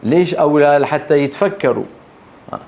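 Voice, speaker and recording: A man's voice: on the high side, brisk, darkish tone, slight background noise. A man with a Levantine Arabic accent lecturing on Quran recitation rules. He keeps checking that his students follow, asking short questions and answering them himself. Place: teaching hall.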